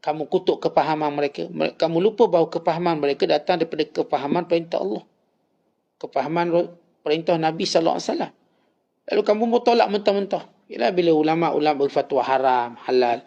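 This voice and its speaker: A man with a Malaysian Malay accent delivers a religious lecture, moving between storytelling and stern admonition. His voice sits slightly high and has a gravelly edge. The recording sounds dull and lo-fi. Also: dark tone. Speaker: religious teacher. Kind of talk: Islamic lecture.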